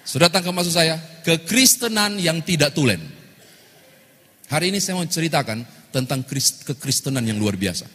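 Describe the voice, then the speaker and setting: A male pastor, giving a lively sermon and joking with the congregation. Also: fairly high pitch, normal speed, husky. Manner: lively storytelling, jokes with congregation. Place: church hall. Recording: long church-hall reverb.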